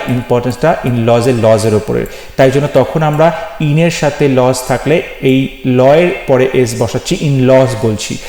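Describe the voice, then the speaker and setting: A man teaching an English grammar lesson, patiently explaining rules and slowing down to spell out example phrases. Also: medium pitch, darkish tone. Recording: echoey room with long reverb.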